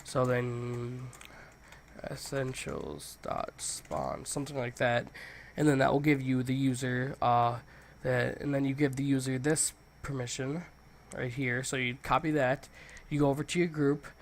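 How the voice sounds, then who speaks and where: A man with a stuffy, congested nose hosting a casual software tutorial, talking informally and thinking aloud as he goes. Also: medium pitch, unhurried, vocal fry, a little hiss or hum. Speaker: tutorial host.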